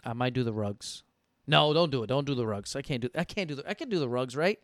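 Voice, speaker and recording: A man's voice: mid-range voice, expressive, fast, no room sound, clean studio sound. A young man thinking aloud while drafting for fantasy football, casual and profane, arguing with himself over picks. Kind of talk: casual live draft commentary.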